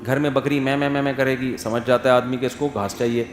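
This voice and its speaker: A man giving an Islamic sermon, swinging from emphatic questions to soft, quiet asides. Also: medium pitch, slight background noise. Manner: animated, rises to emphatic questions, drops to soft quotes. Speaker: Islamic scholar giving a talk. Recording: echoey hall with faint ambience.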